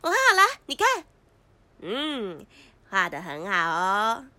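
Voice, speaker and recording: A woman's voice: mid-range voice, huge pitch swings, slow pace, sharp tone, no room sound, full character voice. A woman voicing a cheerful female drawing teacher in a cartoon, bubbly and a little flustered. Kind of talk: cartoon voice acting.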